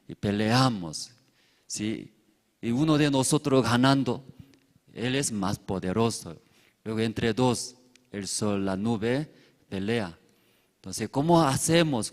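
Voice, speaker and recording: A man's voice: mid-range voice, big-room sound. A man preaching as a pastor, telling a fable and checking with his congregation through constant tag questions. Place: church hall.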